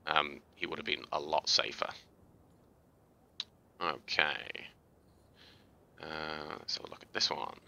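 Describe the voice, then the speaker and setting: A man casually talking through game footage as a tutorial host, chatty and relaxed, with fillers and restarts. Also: very deep voice, slow pace, vocal fry, long pauses. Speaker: gaming video host. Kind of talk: casual gameplay commentary and tutorial.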